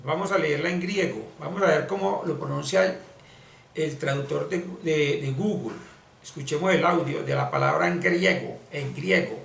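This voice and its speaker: A man teaching spiritual ideas in an explanatory lesson, talking slowly and deliberately and repeating words for emphasis. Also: fairly high pitch, lively intonation, vocal fry, a bit bright. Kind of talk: explanatory screen-share lesson. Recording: echoey room, distant mic, faint hiss.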